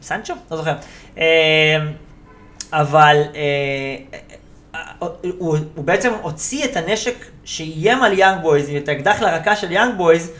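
A man's voice: on the high side, lively intonation, a bit bright. A man hosting a solo podcast, ranting casually and animatedly about football, with many hesitations and fillers. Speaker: podcast host.

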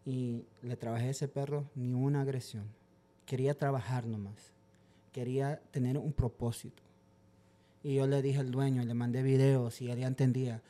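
A man's voice: medium pitch, flat delivery, normal speed, warm tone. A man guest, a dog trainer, telling stories animatedly in casual podcast talk and mixing in English words.

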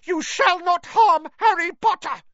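A reader voicing a shrill, excitable male house elf who speaks of himself in the third person, in a storybook reading. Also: takes it slowly, dry recording, heavily acted. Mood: shrill excited. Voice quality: shrill, squeaky. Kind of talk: audiobook character voice. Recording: dry, slightly dull lo-fi.

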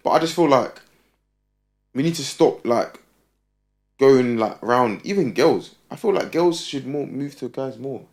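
A man's voice: mid-range voice, lively intonation, a little slow, long pauses, a little mellow. A young man with a London roadman accent, talking casually and conversationally in street slang.

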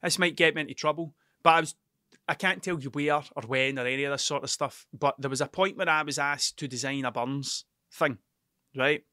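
A man with a broad Ayrshire Scottish accent talks off the cuff in a fairly high, bright, punchy voice. He swears constantly and doubles back to question himself, rambling bluntly. The sound is dry, with very little room on it. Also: fairly even intonation, fairly quick, dry recording. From Scotland, Ayrshire. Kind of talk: casual rambling monologue.

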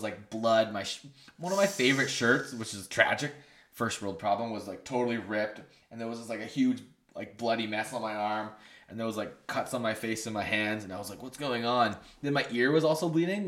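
A young man tells a long story in a casual, rambling manner, filling his sentences with "like" and small jokes. His pitch sits in the middle range for a man. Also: fast talker, fairly bright tone. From Canada. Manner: rambling storyteller, lots of "like", joking. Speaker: podcast host. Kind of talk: casual chat.

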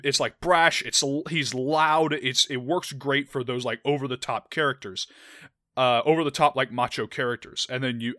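In studio-quality, dry audio, a young adult podcast co-host chats casually about anime, restarting a lot and filling gaps with "like." He has a mid-range voice, bright and forceful in tone.

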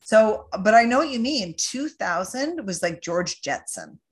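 A woman's voice: medium pitch, sing-song, unhurried. Chatty Canadian woman in her forties. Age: 40s. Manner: chatty, jokey, recaps the film plot. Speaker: podcast host. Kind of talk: casual chat.

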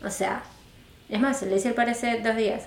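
Woman, casual co-host, emphatic and expressive, roomy echoey sound. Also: fairly high pitch, moderate pace, creaky. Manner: lively, expressive, emphatic storyteller. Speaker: podcast co-host. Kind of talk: casual chat. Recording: echoey room.

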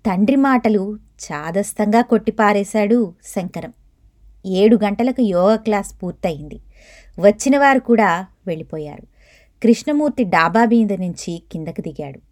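A woman narrating a short story in a steady, even reading voice. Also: mid-range voice, moderate pace.

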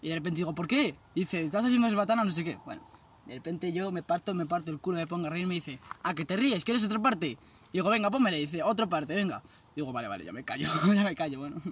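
A man's voice: high voice, quick pace, far from the mic, slight background noise. A young man, rambling through casual anecdotes and constantly saying "sabes". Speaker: guest. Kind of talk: casual chat, telling anecdotes.

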